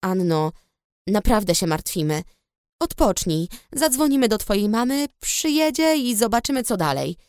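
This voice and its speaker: A woman reading a gentle, calm boy. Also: mid-range voice, normal speed, dry recording, studio quality. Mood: soothing. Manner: gentle and soothing.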